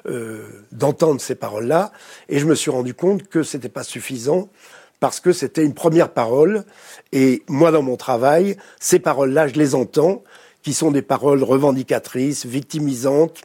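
A French man with a French accent, a therapist speaking as a guest in an interview, reflective and pausing often to search for words. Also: medium pitch, mellow, husky. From France. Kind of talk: studio interview.

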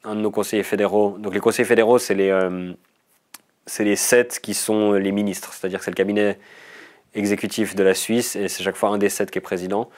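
A man in his thirties with a Swiss French accent and a fairly low voice. He chats as an interview guest, unrolling anecdotes with frequent hesitations and restarts. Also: flat delivery, fairly quick, a little mellow. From Switzerland. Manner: chatty, storytelling, frequent hesitations. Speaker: guest comedian. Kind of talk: casual interview chat.

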